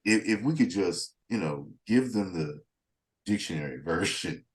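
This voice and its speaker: A man's voice: sits low, measured pace. A man interviewing a guest, a music reviewer who talks casually and animatedly, acting out quotes. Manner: animated, acts out quotes with a rising voice.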